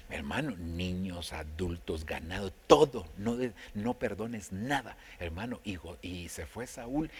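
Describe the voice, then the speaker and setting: A man's voice: lowish voice, husky. A man pastor preaching a conversational sermon, often turning to his listeners directly. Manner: conversational preaching, addresses listeners as brother, many restarts.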